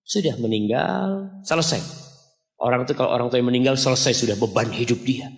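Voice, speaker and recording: A man preaching a sermon, telling a story and climbing to high, emphatic passages. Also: brisk, vocal fry. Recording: long hall reverb.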